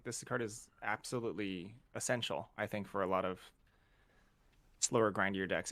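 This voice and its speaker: A man's voice: lowish voice, a bit bright. A man co-hosting a casual card-review podcast, chatty and given to rambling explanations. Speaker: podcast co-host.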